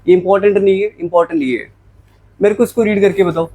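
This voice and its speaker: In this classroom lecture on English vocabulary, a Jammu man with a fairly high, dark-toned voice alternates between Hindi and English. He speaks at a quick pace with fairly even intonation, repeatedly questioning students and supplying the answers, and the audio quality is poor.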